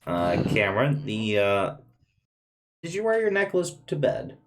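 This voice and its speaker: A man running a tabletop game as game master, teasing and a bit halting. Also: on the low side, wildly swooping pitch, noisy background.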